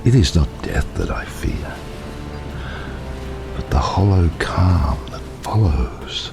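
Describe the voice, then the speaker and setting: An actor playing a brooding, fatalistic submarine captain in a dramatic audio drama, grave and theatrical. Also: male voice, deep voice, lively intonation, slow, vocal fry, full character voice. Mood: solemn farewell. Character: brooding, fatalistic, obsessed submarine captain, middle-aged man. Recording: loud cinematic music, storm effects underneath.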